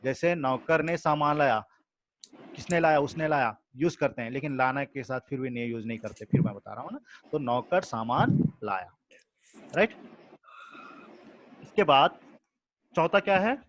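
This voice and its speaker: A man's voice: medium pitch, normal speed, pauses often, a bit bright, a little hiss or hum. A male teacher giving a grammar lesson to a class, explaining patiently, repeating examples and checking that students follow.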